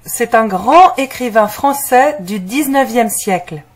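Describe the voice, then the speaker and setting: A woman's voice: a little high, animated, slow pace, slightly rough, full character voice. A woman playing a confident, curious young student solving puzzles in a scripted audio story for language learners.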